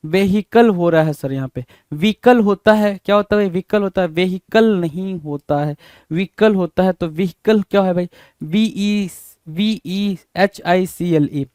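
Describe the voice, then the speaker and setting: High-voiced man spelling out words. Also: a little mellow, no echo, studio quality. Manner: repetitive, rhetorical questions, calls students "bhai". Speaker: English spelling teacher. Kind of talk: exam prep lesson, spelling out words letter by letter.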